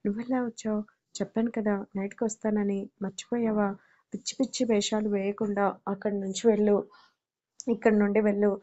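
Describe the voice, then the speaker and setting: A woman voicing a proud, quick-tempered young woman who scolds and pleads in an audio story. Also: medium pitch, flat delivery, highs cut off, close to an everyday voice. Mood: angry. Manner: sharp, scolding.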